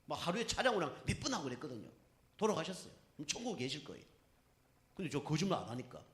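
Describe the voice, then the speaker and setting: A man preaching a sermon as pastor, telling a personal story in a lively way and acting out what others said. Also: a little high, rapid-fire. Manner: animated storytelling, voicing others in quotes. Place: church sanctuary. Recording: echoey church hall.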